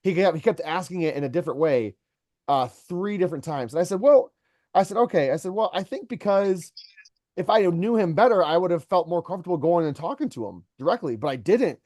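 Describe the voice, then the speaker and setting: A man's voice: fairly high pitch, expressive, fairly quick, darkish tone, dry recording, clean studio sound. A man who owns a company, giving an employee earnest one-on-one coaching and telling stories to make his point. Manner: earnest, storytelling, mentoring.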